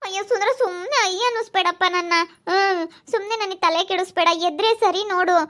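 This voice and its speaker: A woman's voice: very high-pitched, fairly quick, a bit bright. A woman voicing a young village woman who nags and scolds in a Hiriyur Kannada accent. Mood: scolding. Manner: nagging, scolding, complaining.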